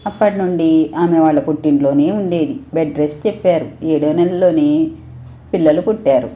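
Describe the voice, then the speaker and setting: A woman reading the lines of a tender, loving husband in an audio story, soft and plain-spoken. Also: low voice, moderate pace, lightly acted. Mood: confiding.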